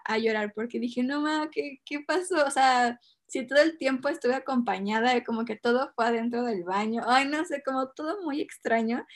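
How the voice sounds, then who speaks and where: Hesitant young Mexican woman. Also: a little high. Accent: Mexican Spanish. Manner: hesitant, many fillers and nervous laughs. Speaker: guest telling a personal story. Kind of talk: casual chat.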